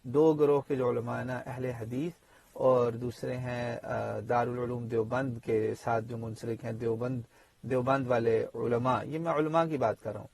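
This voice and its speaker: A man teaches tajweed in a conversational, explanatory way. His voice sits at a middling pitch, close and dry with no room sound. He wanders into asides and fills his pauses as he goes. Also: steady tone, darkish tone, breathy edge, no echo. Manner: explanatory, full of fillers and asides. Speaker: Quran teacher and imam. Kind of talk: spoken tajweed lesson.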